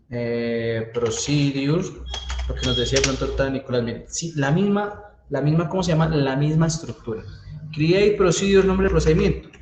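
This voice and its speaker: A man's voice: on the high side, noisy background. A man teaching a university database class, walking students through code step by step and checking in with them often. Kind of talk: live coding class lecture. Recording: echoey room, faint keyboard typing.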